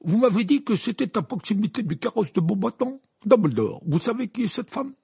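A man's voice: mid-range voice, big pitch swings, moderate pace, creaky, a little mellow, slightly rough, pitched above the performer's own voice, heavily acted. A man voicing a flustered, pompous middle-aged male minister who stammers and repeats himself. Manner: stammering, hesitant, repeats words.

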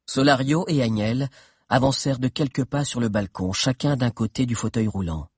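A man reading a children's adventure novel aloud in a steady, dramatic narration with tense pauses. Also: mid-range voice, breathy edge, no echo, studio quality. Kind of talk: audiobook narration.

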